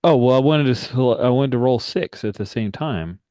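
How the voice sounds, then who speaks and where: A man's voice: mid-range voice, normal speed, mellow, clean tone, no room sound, clean studio sound. A man playing a tabletop game online, hesitant and asking questions while describing his character's actions. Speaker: player. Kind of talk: tabletop roleplaying chat.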